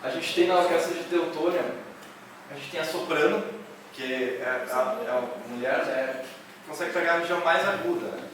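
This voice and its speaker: A man explaining music to students in a loud, nearly shouting voice, full of fillers and restarts. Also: on the high side, moderate pace, slight background noise. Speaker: music workshop instructor. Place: large echoey hall. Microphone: camera from a distance. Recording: echoey hall recorded from far off.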